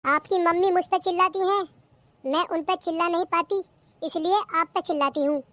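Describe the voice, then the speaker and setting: A performer voicing a cheeky, lazy young daughter-in-law who talks back, in a cartoon comedy. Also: female voice, very high-pitched, steady tone, a little fast, a bit bright, a little hiss or hum. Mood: grumbling.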